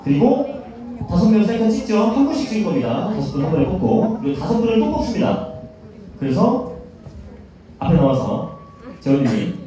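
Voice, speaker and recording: A man's voice: high voice, sing-song, normal speed, long pauses, warm tone. A man hosting a live fan event, announcing prize draw numbers like an emcee and directing the audience. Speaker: fan meeting host. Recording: echoey venue PA, distant, music behind.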